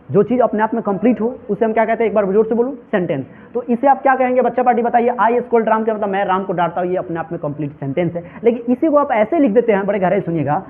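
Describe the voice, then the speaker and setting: High, fast-talking man teaching grammar. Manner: call-and-response drilling, repeating questions to students. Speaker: English teacher. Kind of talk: classroom grammar lesson. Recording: tinny phone-like recording.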